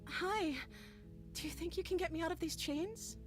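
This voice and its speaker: Captive cartoon princess: high, sweet, polite, plaintive game voice over loud music. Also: female voice, moderate pace. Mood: sweet, hopeful. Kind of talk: video game voice acting.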